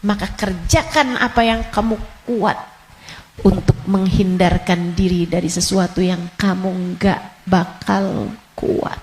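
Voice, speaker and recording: A woman's voice: medium pitch, fairly even intonation, slow pace, big-room sound, a little hiss or hum. A woman preacher delivering a sermon, repeating her points with emphatic exhortation.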